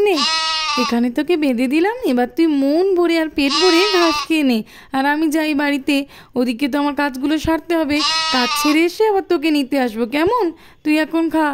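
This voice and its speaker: A woman's voice: high-pitched, background noise. A woman voicing a busy, scolding but kind village mother in a doll cartoon. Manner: bustling, scolding. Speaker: voice performer. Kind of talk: doll cartoon narration and voice acting.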